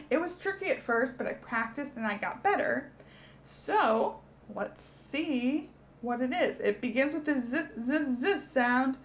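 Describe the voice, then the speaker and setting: Casting: high, slow-paced female children's teacher, cheerful, faint hiss behind. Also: lively intonation. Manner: cheerful, encouraging, speaks to children. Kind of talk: children's educational lesson.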